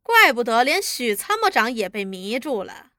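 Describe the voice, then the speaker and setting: A woman voicing a scheming, cruel male officer who mocks and threatens, barking orders loudly. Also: fairly high pitch, big pitch swings, normal speed, no room sound, studio quality. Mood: menacing. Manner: mocking, threatening, loud barked orders.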